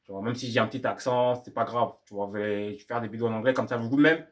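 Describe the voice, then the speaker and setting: A man's voice: mid-range voice, fast talker. A young man talking casually to camera about learning English, rambling and repeating himself in slangy French. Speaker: YouTuber giving language-learning tips. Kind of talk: casual vlog monologue.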